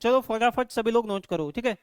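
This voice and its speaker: A man teaching an online grammar lesson, asking his students questions over and over and loudly sounding out syllables for them to repeat. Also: very high voice, a little fast, clear, resonant tone, no room sound, studio quality. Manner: repeats "ठीक है" and quizzes students constantly; drills syllables aloud, louder on examples. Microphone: microphone.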